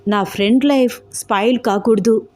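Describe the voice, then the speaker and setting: A woman's voice: medium pitch, normal speed, mellow, close to an everyday voice. A woman voicing an outspoken, protective young woman in a storybook romance, pressing her questions indignantly. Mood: agitated.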